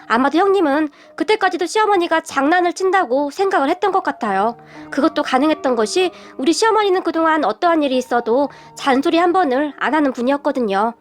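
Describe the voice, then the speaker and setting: A woman's voice: high-pitched, lively intonation, fast, faint music behind. A woman narrating a family story in the first person, in a chatty, confiding way.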